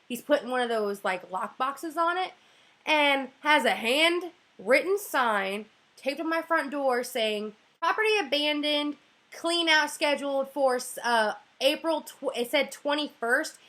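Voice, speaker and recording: Chatty young woman telling a story. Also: sits high. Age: young adult. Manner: fast, animated storytelling with heavy filler "like". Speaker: vlogger. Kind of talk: storytime vlog.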